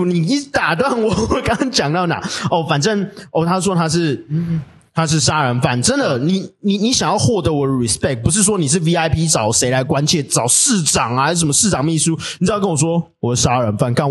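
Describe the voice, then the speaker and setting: Taiwanese guy talking fast n husky, pitch jumps all over, swears a lot while telling a story. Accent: Taiwanese Mandarin. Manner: animated, crude storytelling with lots of swearing. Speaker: podcast host telling a story. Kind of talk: casual chat.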